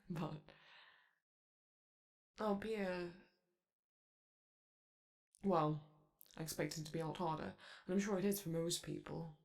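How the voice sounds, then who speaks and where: Speaking slowly and pausing often, a performer with a gravelly, mid-range voice plays a flamboyant male robot TV star. He is vain and charming, flirting with the listener in a fond, theatrical way during a romantic audio roleplay.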